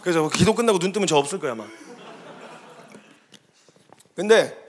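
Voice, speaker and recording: A man preaching as a missionary, telling a story with lively delivery and sudden shouted quotes. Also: high-pitched, very fast. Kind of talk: sermon testimony.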